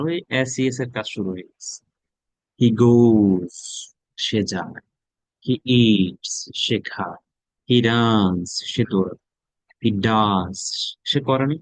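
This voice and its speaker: A man's voice: on the low side, dry recording, poor audio. A man with a Bangladeshi accent teaching a spoken English class. He drills words aloud and repeats them. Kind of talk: classroom lesson.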